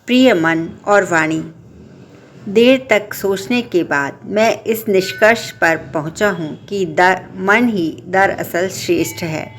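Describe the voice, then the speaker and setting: Wise male creator deity giving a slow verdict, voiced by a woman storyteller. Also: mid-range voice, slight background noise, natural voice.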